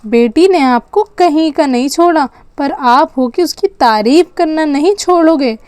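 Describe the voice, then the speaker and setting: A woman voicing a sharp-tongued, scheming sister-in-law in a doll story, with a sarcastic, scolding manner. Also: high voice, measured pace, dry recording. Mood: taunting.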